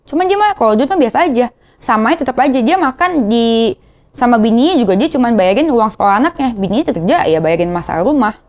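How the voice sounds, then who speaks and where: A young woman speaks with a Jakarta slang accent in a casual confessional vlog. Her voice sits a little high, and she talks in an emotional, rambling way, circling back and repeating her words. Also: animated, fast, darkish tone. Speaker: vlogger.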